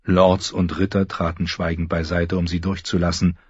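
Low, husky male audiobook narrator. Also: flat delivery, normal speed, dry recording, lo-fi sound. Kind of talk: scripted narration.

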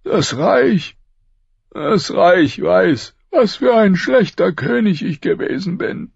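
Dying gruff king voiced by a male audiobook reader, strained, high-pitched and loud, husky, dull dry recording. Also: lively intonation, slow pace, no echo, heavily acted. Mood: pained, bitter. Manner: strained, pained, booming outbursts. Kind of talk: audiobook character voice.

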